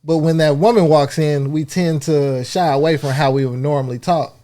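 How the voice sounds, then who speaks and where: An American man on a casual podcast debate, his voice sitting a bit high for a man. He argues earnestly and bluntly in long stretches, pushing his view without pause. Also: fairly even intonation, warm tone. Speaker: podcast co-host.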